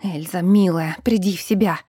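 A woman reading an audiobook and voicing a gruff, protective male werewolf who talks low and teases drowsily. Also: normal speed, dark tone, no echo, clean studio sound. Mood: pleading. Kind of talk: audiobook character voice.

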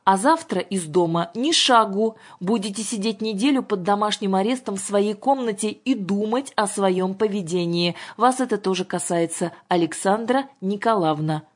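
A woman voicing a stern, angry middle-aged father who barks orders and threatens loudly, with a slightly husky voice. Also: medium pitch, expressive, moderate pace. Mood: bossy. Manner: blustering, commanding, shouting orders.

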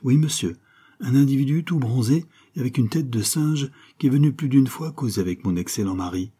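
A man's voice: mid-range voice, animated, a little fast, dark tone, breathy edge, pitched above the performer's own voice. A man voicing a fretful boatman's wife. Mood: worried. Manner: fretful, talkative, pleading. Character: stout red-faced boatman's wife, fretful. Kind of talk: audiobook character reading.

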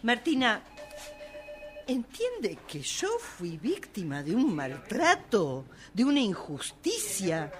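In an amateur radio play, a woman portrays a hot-tempered, impulsive, emotional Argentine woman who haltingly excuses her rages and repeats words when flustered. She sounds defensive and flustered, with a medium pitch and huge swings in pitch.

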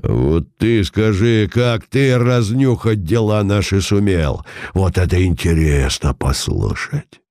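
A man voicing a vicious old bandit who rasps and snarls his words out slowly. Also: deep voice, expressive, a little mellow, no room sound, studio quality. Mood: sullen. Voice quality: hoarse, rasping.

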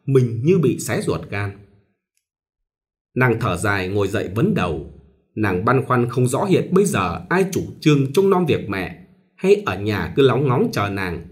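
A man reads a novel aloud as an audiobook, telling it expressively. His pitch moves a lot, rising and falling through the lines, at a middle register. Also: a little slow. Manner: expressive storytelling. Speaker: audiobook narrator. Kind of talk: scripted narration of a novel.

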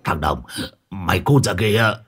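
A man voicing a frantic old man with a hoarse, wheezy voice. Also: sits low, moderate pace, a bit bright, full character voice. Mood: angry.

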